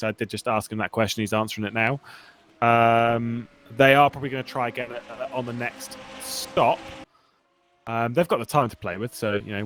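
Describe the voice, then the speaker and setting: A man commentating an online race broadcast in a casual, chatty way, laughing and restarting his sentences. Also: mid-range voice. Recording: steady background noise.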